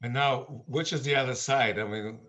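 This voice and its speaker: An older man from Israel, now a musician, talking earnestly and haltingly with many fillers on a video call. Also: medium pitch, pushed and bright. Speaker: musician and meditation guest. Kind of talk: casual video-call chat. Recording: dull lo-fi video-call audio.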